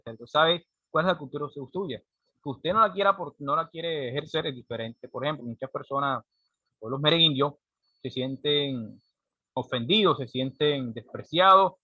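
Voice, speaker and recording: A man teaching a class explains his subject and keeps checking in with rhetorical "¿cierto?" questions. His voice sits at medium pitch, and the recording is both dry and muffled.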